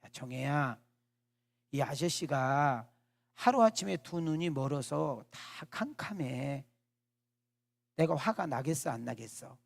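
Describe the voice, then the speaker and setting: A man voicing a bitter young man of twenty-nine who has just lost his sight, speaking in irritable, shouting outbursts within a sermon story. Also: medium pitch, creaky, heavily acted.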